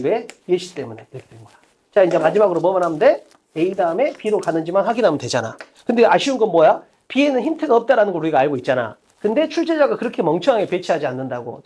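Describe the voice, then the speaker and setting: A woman teaching an English exam lesson at a whiteboard, talking bluntly and colloquially, quizzing her students with rapid rhetorical questions and repeating key points. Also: medium pitch, darkish tone, breathy edge. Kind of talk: lecture at a whiteboard.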